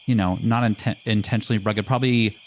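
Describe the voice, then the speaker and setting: A man's voice: on the low side, fairly even intonation, fast, a little hiss or hum. A man describing a character in a tabletop role-playing game, talking in a hesitant, rambling way with many fillers. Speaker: player. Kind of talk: casual chat.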